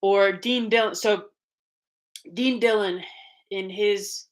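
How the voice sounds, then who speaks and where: A woman's voice: mid-range voice, steady tone, slow. Rambling young woman chatting casually. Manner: rambling, restarts often, emotional. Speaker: co-host of a paranormal channel. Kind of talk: casual live-stream chat.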